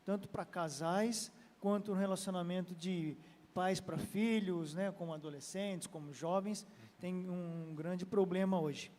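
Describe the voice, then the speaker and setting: A man's voice: high-pitched, steady tone, measured pace, darkish tone, big-room sound. A man with a Brazilian Portuguese accent, hosting a church program, relaying viewer questions hesitantly with many fillers. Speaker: program host.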